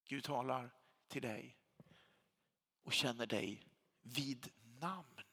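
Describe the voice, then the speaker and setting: A man's voice: medium pitch, fairly even intonation, pushed and bright, breathy edge. A man preaching a sermon as a pastor, speaking with emphasis and repeating key phrases for weight. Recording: long hall reverb.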